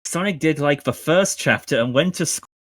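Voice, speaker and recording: A man hosting a podcast, narrating fanfic aloud with halting restarts and bursts of laughter. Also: on the high side, dry recording. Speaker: podcast host. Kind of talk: reading fanfic aloud, casual chat.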